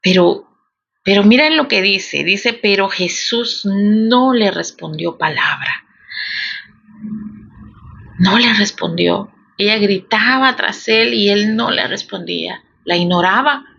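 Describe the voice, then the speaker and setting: A woman's voice: mid-range voice, takes it slowly, gravelly, fairly bright tone, slight background noise. A woman preacher from El Salvador with a Salvadoran Spanish accent, teaching from the Bible in a conversational way that repeats words and often asks "right?". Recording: dull lo-fi recording.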